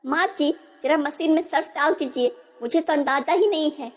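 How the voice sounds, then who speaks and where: A woman's voice: sits high, moderate pace, close to an everyday voice. A woman voicing a polite young bride. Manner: polite, dutiful asking. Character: polite young newlywed daughter-in-law. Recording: long hall reverb.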